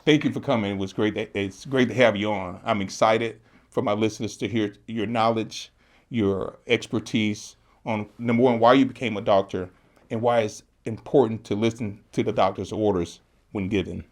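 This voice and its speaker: A man with a fairly low voice hosts a podcast. He welcomes listeners in an upbeat way and keeps his guest going with short affirmations. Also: steady tone, moderate pace. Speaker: podcast host. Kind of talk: casual podcast interview.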